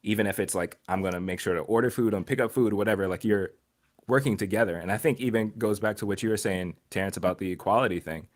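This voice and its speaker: A man with a low voice co-hosts a podcast, thinking aloud with frequent restarts. He often slips into quoting imagined people to make a point. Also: fast talker. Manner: reflective, repeats words while thinking; voices other people in quotes. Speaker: podcast co-host. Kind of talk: casual discussion.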